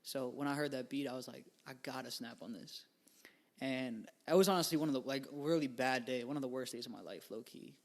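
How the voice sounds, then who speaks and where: A musician in his 20s, guesting on a podcast, talks casually and rambles, using lots of fillers and laid-back slang. His voice is mid-range and fairly quick.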